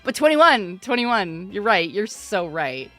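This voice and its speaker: Woman in her thirties, live-stream host, playful teasing, bright tone, lively swooping pitch. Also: measured pace, soft background music. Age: 30s. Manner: playful and teasing, laughs often, bursts into loud mock protests. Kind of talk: casual live-stream chat.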